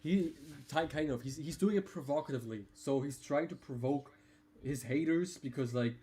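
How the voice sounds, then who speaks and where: A man's voice: on the high side, moderate pace, dark tone. A young man hosting a casual chat, who stumbles, repeats words and breaks into laughter easily. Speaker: podcast host.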